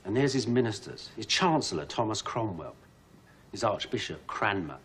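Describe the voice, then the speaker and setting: A middle-aged man presenting a documentary in a lively storytelling way with wry asides. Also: fairly low pitch, moderate pace.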